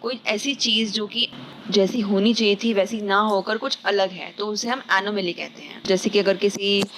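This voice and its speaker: A woman teaching English vocabulary in Hindi, patiently explaining each word and slowly reading example sentences, with frequent fillers. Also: mid-range voice, steady tone, fairly bright tone, slight background noise. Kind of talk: Hindi-language vocabulary lesson.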